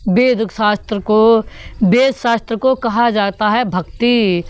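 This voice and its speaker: Speaking slowly in a clean, fairly high voice with no echo, a woman preaches a devotional sermon that unpacks the daily spiritual lesson. Each point gets repeated, and she puts rhetorical questions to those listening.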